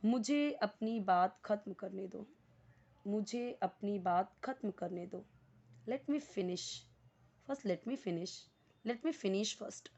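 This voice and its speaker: A woman with an Indian accent teaching basic spoken English, explaining patiently and repeating each English phrase slowly. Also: medium pitch, darkish tone. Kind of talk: spoken English lesson in Hindi.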